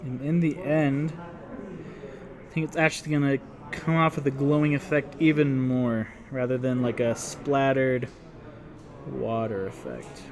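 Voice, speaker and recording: A man's voice: mid-range voice, fairly even intonation, unhurried. Casual man with a Utah accent. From Utah, United States. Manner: laid-back, drops his T's. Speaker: host, miniature painting instructor. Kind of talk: casual painting tutorial with chat.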